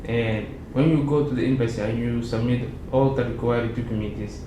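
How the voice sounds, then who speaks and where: Young Somali man, interview guest, hesitant delivery, mid pitch, roomy and noisy recording. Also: steady tone, moderate pace. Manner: hesitant, many restarts and fillers. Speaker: interview guest, MBA student. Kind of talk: casual interview answers. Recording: echoey room with background noise.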